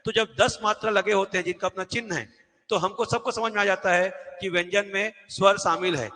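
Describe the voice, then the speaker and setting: A man's voice: sits high, steady tone, a little fast, pushed and bright, long reverb tail. A man teaching an exam-prep lesson at a board, asking questions and answering them himself and repeating key words. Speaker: Hindi teacher.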